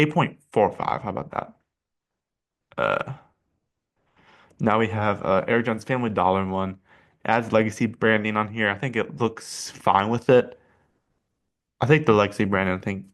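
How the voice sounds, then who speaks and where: A man's voice: fairly low pitch, little pitch movement, normal speed, pauses often, a bit bright. A man hosting his own channel, giving casual reaction commentary in a rambling, hesitant way with many fillers and restarts. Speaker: channel host rating paint schemes.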